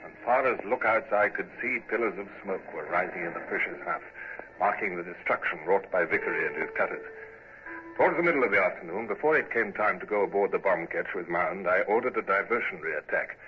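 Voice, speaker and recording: An actor playing a commanding, self-doubting British naval commander and narrator in an old-time radio drama, speaking formally. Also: male voice, low-pitched, expressive, fast. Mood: reflective. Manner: formal, crisp orders and introspective asides. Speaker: lead actor and first-person narrator. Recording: muffled, noisy old radio recording.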